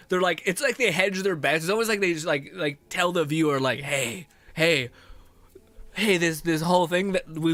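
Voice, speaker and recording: A man's voice: high voice, pushed and bright. A man chatting casually on a game stream, rambling and slangy as he reads chat. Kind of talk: casual live-stream chat over gameplay.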